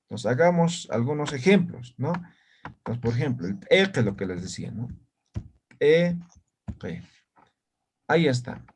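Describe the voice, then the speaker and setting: A man's voice: mid-range voice, animated, moderate pace, long pauses, a little mellow, slight background noise. A man teaching an online language lesson, explaining step by step and often checking understanding with short tag questions.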